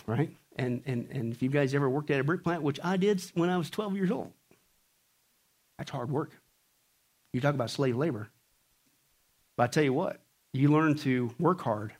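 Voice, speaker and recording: A man from Kansas preaching a sermon, talking casually and asking the audience questions, rising to loud peaks and then dropping to quiet asides. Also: on the high side, moderate pace, long pauses. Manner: animated, swings from shouting peaks to hushed asides; conversational, asks the audience rhetorical questions. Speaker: pastor.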